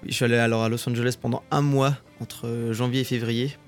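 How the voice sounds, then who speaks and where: A man's voice: mid-range voice, little pitch movement, brisk. A man who plays guitar, a guest answering interview questions in a casual, chatty way.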